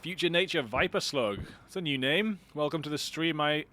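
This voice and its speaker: A man's voice: a little high, normal speed, sharp tone, a little hiss or hum. A man casting an online shooter match alone, chatty and rambling, with self-deprecating asides. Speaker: esports caster. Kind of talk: solo game commentary.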